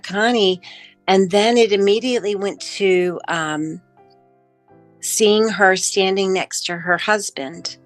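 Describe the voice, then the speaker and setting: A middle-aged woman telling her own near-death story in a personal testimony, emotional and halting, with pauses and fillers. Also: on the low side, no room sound. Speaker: near-death experience witness.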